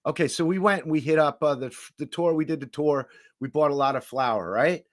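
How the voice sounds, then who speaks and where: A man's voice: a little high, a little fast. A man hosting a casual home livestream, rambling and stop-start as he greets viewers in the chat. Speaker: livestream host reviewing cannabis.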